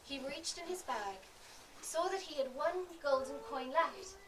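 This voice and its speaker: A woman telling a fairy tale in a lively, dramatic storyteller manner. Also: high voice, measured pace. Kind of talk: expressive storytelling. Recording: roomy, distant, noisy.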